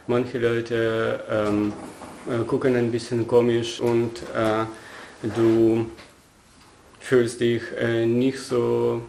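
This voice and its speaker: Man from Ukraine, gravelly, flat and slow, hesitant with many fillers. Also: medium pitch, reverberant, slight background noise. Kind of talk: interview statement.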